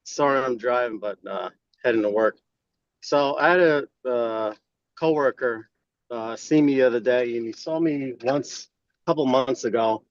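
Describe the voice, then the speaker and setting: A man's voice: mid-range voice, normal speed, no room sound. A man in his forties calling in from his car while driving, chatting casually and retelling what a coworker said, over a speakerphone line. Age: 40s. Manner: chatty, retells dialogue with lots of "I was like" and "he goes". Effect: calling in from a car while driving, muffled speakerphone sound. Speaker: member sharing a testimonial on a group call. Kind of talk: casual storytelling.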